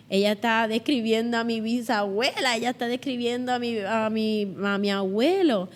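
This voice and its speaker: A middle-aged woman with a Puerto Rican accent, a guest telling childhood stories in an interview and acting out the voices in them. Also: mid-range voice. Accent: Puerto Rican Spanish. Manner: animated, acts out childhood voices. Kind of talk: storytelling in an interview.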